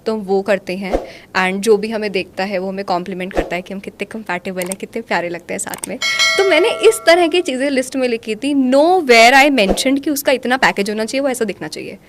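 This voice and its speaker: A woman in her thirties talking in a podcast conversation, mixing Hindi with slow, deliberate English lines. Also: on the high side, lively intonation, background noise. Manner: switches between Hindi and English, slows down for English lines. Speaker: guest, manifestation coach.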